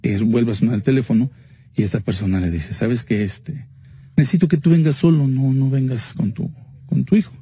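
A man's voice: mid-range voice, fairly quick, dark tone, breathy edge, dry recording. A man telling a spooky story in a casual, hesitant way, full of fillers. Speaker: guest telling a ghost story.

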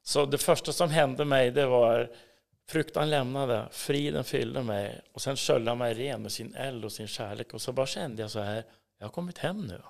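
Gravelly Swedish man giving earnest testimony. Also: medium pitch, fairly even intonation. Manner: earnest, swings between hushed whispers and emphatic bursts. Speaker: interview guest. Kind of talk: personal testimony in a casual interview.

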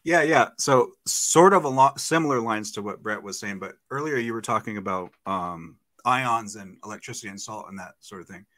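A man in a casual call-in debate, asking questions hesitantly with frequent pauses. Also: fairly low pitch, fairly bright tone.

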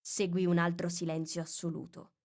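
A woman reading an audiobook in a calm, measured storytelling manner. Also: lowish voice. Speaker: audiobook narrator.

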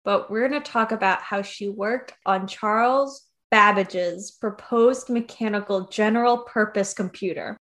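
A woman's voice: medium pitch, measured pace, few pauses, a bit bright. Upbeat woman podcast co-host. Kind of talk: scripted podcast promo and narration.

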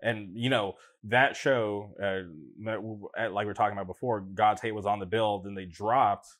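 A young man with a fairly low voice, chatting casually like a podcast host. He tells stories in loose, slangy language, often restarting his phrases as he goes. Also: fairly even intonation, moderate pace, a bit bright. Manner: informal slang-filled talk with repeated false starts. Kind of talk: casual chat, storytelling.

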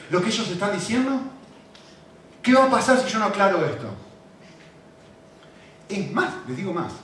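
A man's voice: high voice, fairly bright tone. Argentine male preacher, conversational questioning delivery; distant mic in a very reverberant hall. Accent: Argentine Spanish. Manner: conversational, asks the audience questions. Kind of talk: expository sermon. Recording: echoey hall, mic from afar, faint hiss.

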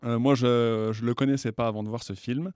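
A man from France co-hosting a radio show, talking in a lively but hesitant way while introducing a film. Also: medium pitch, fairly quick, clean tone, no echo, studio quality. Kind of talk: casual radio chat. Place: radio studio.

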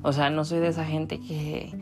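Chatty Mexican man with soft music. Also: fairly high pitch, flat delivery, moderate pace. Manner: chatty, many "o sea" fillers. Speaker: podcast host. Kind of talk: casual chat to listeners.

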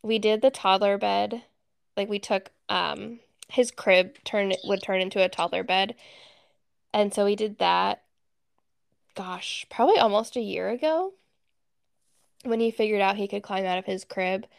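A woman's voice: mid-range voice, measured pace, vocal fry, long pauses, smooth, dry recording, clean studio sound. A young woman co-hosting a podcast, telling an emotional family story in a chatty way with frequent laughter. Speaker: podcast co-host. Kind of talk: casual chat.

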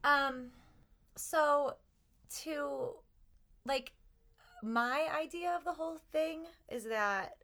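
A woman's voice: high voice, extremely slow, pauses often, sharp tone. A woman in casual podcast chat, telling a personal story with many fillers and frequent laughs.

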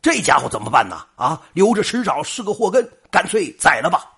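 A storyteller playing a brutal robber barks in a coarse, raised voice. The tone is husky and swings widely in pitch. It is told as a spoken folk tale. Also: male voice, very animated, brisk, a bit bright, exaggerated voice. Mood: menacing.

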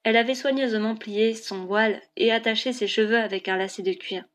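Woman reading an audiobook, fairly high voice. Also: steady tone, a little fast. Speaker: narrator. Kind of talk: audiobook narration.

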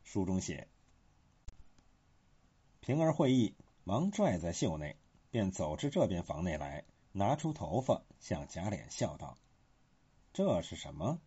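A man with a very husky, breathy voice reads scripted literary commentary, his tone dark and mellow. His pitch rises and falls in a lively way. The recording sounds dull and lo-fi. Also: a little slow.

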